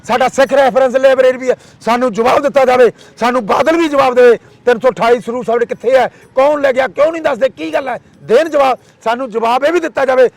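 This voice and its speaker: Man, impassioned interviewee, very high pitch, rhetorical lists. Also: dry recording. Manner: fiery, rhetorical, repeats demands in rapid lists.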